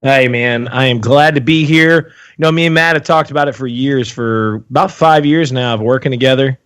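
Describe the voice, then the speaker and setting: A man in his thirties, joining a gaming podcast as a guest. He chats casually and sounds excited, full of slang and hype, at a medium pitch. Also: moderate pace, clean tone. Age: 30s. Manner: energetic, slangy, hyped. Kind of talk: casual chat.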